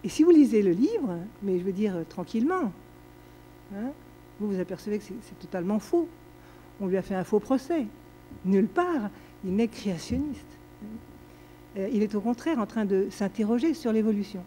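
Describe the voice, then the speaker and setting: An older woman answers a question from the floor at a lecture, wandering from point to point with plenty of fillers and restarts. Her voice is mellow and sits in a middle register. A faint hum and some noise run under the recording. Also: medium pitch, normal speed, low-quality recording. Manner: digressive, lively, many fillers and restarts.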